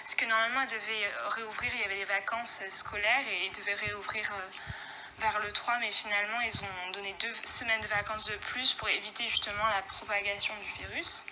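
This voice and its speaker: A woman's voice: medium pitch, steady tone, a little fast, background noise. A woman from Réunion, a guest giving a casual spoken testimony, hesitant and full of fillers, recorded at home.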